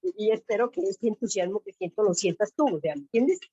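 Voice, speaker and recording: A woman talking excitedly and emotionally about her faith on a video call from her office. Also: medium pitch, fairly quick, breathy edge, no echo, dull audio. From Colombia. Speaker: caller sharing testimony. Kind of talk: emotional personal testimony. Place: home office.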